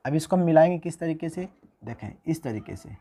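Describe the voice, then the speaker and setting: A man with a fairly high voice gives a patient spoken lesson on writing. He spells each word out letter by letter, then says the whole word again, often more than once. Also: expressive, warm tone. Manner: slow spelling out letter by letter, repeating words. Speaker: Urdu writing teacher.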